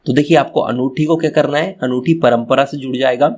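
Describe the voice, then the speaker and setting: A man's voice: mid-range voice, fairly even intonation, fairly quick, darkish tone. Guy teacher going over exam answers for kids, repeats stuff a lot, talks right to the students. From Madhya Pradesh, India. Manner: repeats phrases, addresses children directly, restarts words. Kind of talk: exam answer walkthrough lesson.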